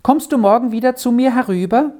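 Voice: brisk, dark tone, close to an everyday voice. A storyteller voicing a lonely, earnest little boy in a children's storybook, raising the voice to sound young and pleading. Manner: pleading, higher-pitched childlike voice. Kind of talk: storybook reading.

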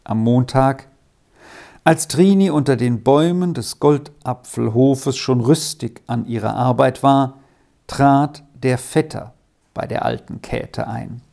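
A woman reading a children's story aloud as narrator, in a calm and measured way. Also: a bass voice, creaky.

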